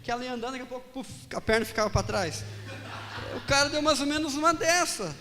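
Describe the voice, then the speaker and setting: A pastor telling a personal story in a sermon, animated and dramatic, acting out the dialogue. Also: male voice, very high voice, fast, big-room sound, a little hiss or hum.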